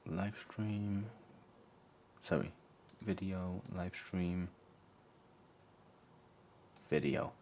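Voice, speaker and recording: Taking a camera apart on a casual live stream, this low-voiced electronics host, born in Poland and raised mostly in England, draws out his words and leaves long pauses. His tone is darkish, and he hesitates, restarts often, and murmurs to himself as he tinkers.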